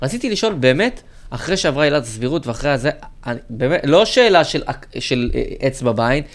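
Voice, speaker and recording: A man co-hosting a casual political chat, telling stories and mimicking shouting protesters. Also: medium pitch, sing-song. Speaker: podcast co-host.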